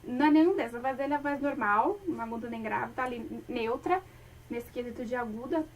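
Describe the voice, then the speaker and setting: A young woman talks in a high voice as a fan, gushing and rambling from one point to the next. She fills her talk with many fillers. The mic sits a little away from her. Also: brisk, distant mic, a little hiss or hum. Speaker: fan talking about a band. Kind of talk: casual chat.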